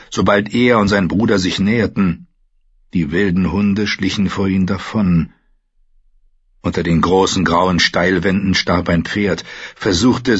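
A man narrating a fantasy audiobook with a husky voice, reading in a measured, grave manner. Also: low voice, dry recording. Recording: dull lo-fi dry recording.

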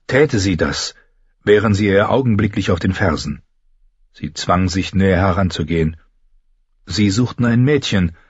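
Low husky man reading fantasy narration, measured and even, dry dull studio sound. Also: dry recording. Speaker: audiobook narrator.

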